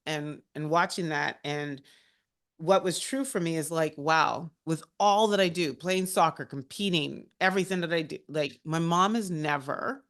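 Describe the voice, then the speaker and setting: A woman speaking as a guest on a career talk, telling personal stories in an animated, heartfelt and chatty way. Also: low-pitched.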